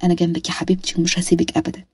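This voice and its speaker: A woman with an Egyptian accent voicing an injured young police officer who speaks softly and reassuringly. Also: completely flat delivery, racing, husky, no echo. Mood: soothing. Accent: Egyptian Arabic. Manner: soft, lowered reassuring voice. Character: young man, injured police major, calm and teasing.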